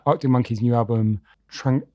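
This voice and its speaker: A man's voice: medium pitch, fairly even intonation, normal speed, darkish tone, dull audio. A man co-hosting a culture podcast in casual chat, hesitant, with restarts and dry asides. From England. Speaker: podcast co-host.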